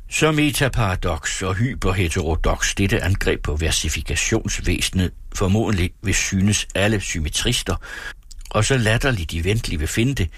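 Male reader for a classic essay: low, husky voice, close and dry, with a theatrical delivery. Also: no echo. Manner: theatrical, swings between high and low. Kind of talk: dramatic reading of an old essay.

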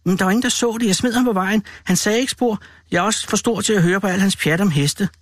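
A frightened little boy with a raised, childlike pitch, stammering and pleading, as a male storyteller puts him on. The voice sits well above the reader's own and is recorded dry and close. It suits a grim Danish storybook reading. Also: steady tone, dry recording, close to an everyday voice. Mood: triumphant. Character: scared, eager little boy.

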